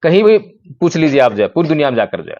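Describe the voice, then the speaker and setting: A man's voice: fairly high pitch, very animated, fast talker, darkish tone, no room sound, muffled recording. A man giving a Buddhist dharma talk to a gathering, repeating phrases and asking his listeners rhetorical questions. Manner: asks the audience rhetorical questions. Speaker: Buddhist speaker.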